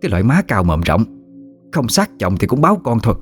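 Man voicing a spiteful old crone, shrill, scolding, high-pitched, swooping delivery, soft music underneath. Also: big pitch swings, fast, natural voice.

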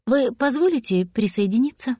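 A woman voicing a clever grown-up male cat who speaks in a hushed, polite but firm way. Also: a little high, lively intonation, moderate pace, dry recording, clean studio sound. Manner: hushed and businesslike.

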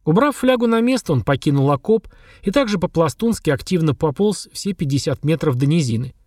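Man narrating an audiobook, fairly high voice. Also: expressive, a little fast, a little mellow, no echo, studio quality. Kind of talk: scripted narration.

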